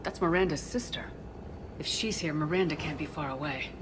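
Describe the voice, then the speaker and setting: Woman playing Commander Shepard, low-voiced and resolute. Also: a little fast, very noisy, lightly acted. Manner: firm, terse. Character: resolute, battle-worn female military commander in space. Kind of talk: dramatic video game dialogue.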